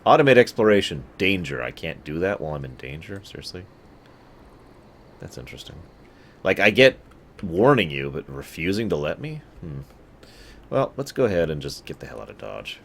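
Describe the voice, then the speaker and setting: A deep-voiced man with a sing-song delivery at normal speed plays a strategy game on stream, with a little hiss or hum in the background. His casual live commentary is chatty and directed at chat, punctuated by sudden mock outbursts.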